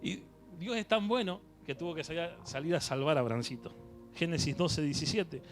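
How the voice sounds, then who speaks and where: A man's voice: a little high, moderate pace, faint music behind. A male preacher with a Rioplatense accent giving a conversational sermon, often quizzing the congregation with questions. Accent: Rioplatense Spanish.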